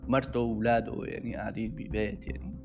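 A man's voice: fairly low pitch, little pitch movement, fast, music in the background. A man from Syria with a Syrian Levantine Arabic accent, casually telling a personal story and re-enacting dialogue as he goes. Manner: conversational, re-enacts dialogue as he tells it.

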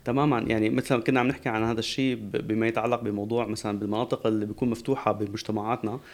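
A man's voice: fairly low pitch, flat delivery, very fast. A man, a guest expert on a talk show, explaining at length with frequent restarts.

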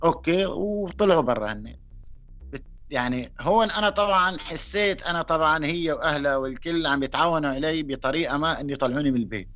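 A man from Syria with a Syrian accent, giving a personal testimony in a halting way, with frequent pauses and restarts. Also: on the high side, fairly bright tone, dull audio, faint music behind. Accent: Syrian Arabic. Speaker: interviewee.

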